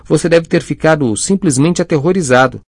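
A man's voice: on the low side, fast talker, warm tone, no echo, studio quality, natural voice. A man voicing a cold, sarcastic teenage girl witch with a biting, superior tone in an audiobook.

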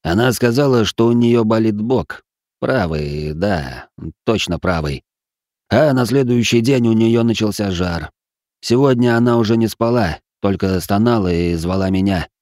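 A grim, tense nobleman who speaks through clenched teeth, as a male audiobook reader plays him. The voice drops lower than the narration. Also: expressive, a little slow, darkish tone, dry recording, clean studio sound.

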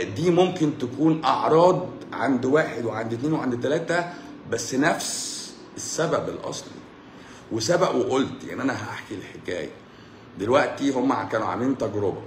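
A man's voice: mid-range voice, roomy sound, slight background noise. A man with an Egyptian Arabic accent, a doctor hosting a livestream, lecturing bluntly and checking in with rhetorical questions. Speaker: doctor, channel host. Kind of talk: livestream talk to viewers.

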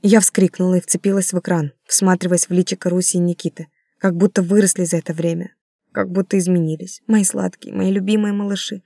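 A woman's voice: on the low side, little pitch movement, a little fast, creaky, dark tone, dry recording, clean studio sound. Woman narrating an emotional audiobook. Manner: emotional, intimate first-person reading.

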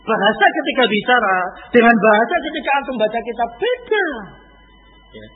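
A man teaching an Islamic study lecture in a lively, conversational way, firing off rhetorical questions. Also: very high voice, a little fast, breathy edge, faint music behind. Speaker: religious teacher. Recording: echoey hall over a tinny lo-fi line.

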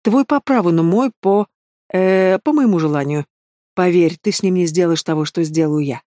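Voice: mid-range voice, normal speed, warm tone, dry recording, clean studio sound, natural voice. A reader voicing a sneering male demon. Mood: menacing calm. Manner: taunting, theatrical. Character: mocking cruel male demon, sardonic.

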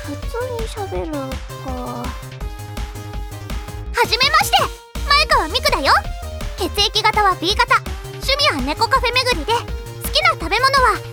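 A stubborn, cheeky teen idol who talks like a cat in an anime radio drama. Her voice sits very high and swoops up and down with lively bounce, tacking "nya" onto her phrases. Loud music plays behind her. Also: measured pace, long pauses, heavily acted. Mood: pouty. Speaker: radio show personality. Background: children's music.

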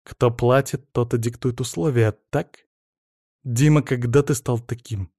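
A man's voice: medium pitch, steady tone, unhurried, mellow, no echo, clean studio sound. A man voicing a bitter, wounded young wife. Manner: bitter, reproachful. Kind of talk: audiobook character reading.

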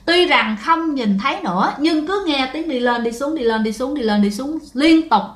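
A woman's voice: sits high, lively intonation, normal speed, echoey room. A woman telling a ghost story in a casual, chatty way, addressing listeners directly.

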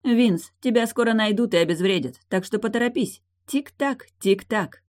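A woman's voice: a little high, normal speed, a little mellow, voice pushed up, lightly acted. A woman voicing a bold, mocking captive woman who taunts her captor in an audiobook. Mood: taunting. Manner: taunting, sneering.

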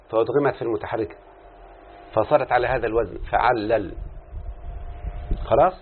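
Egyptian sheikh teaching in a tinny recording. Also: male voice, medium pitch. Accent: Egyptian Arabic. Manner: keeps checking in with students, repeating and drawing out syllables. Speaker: teacher of Arabic morphology. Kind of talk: classroom lesson with call-and-response. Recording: tinny phone-like lo-fi sound with faint background noise.

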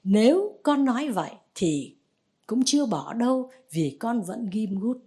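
A woman voicing a calm, patient Buddhist master who gently questions a disciple. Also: a little high, unhurried, husky, full character voice. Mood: probing.

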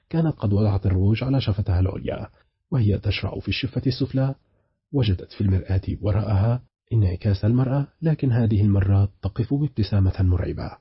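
Rapid husky male audiobook narrator. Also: on the low side, no echo, highs cut off. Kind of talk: scripted narration of a horror novel.

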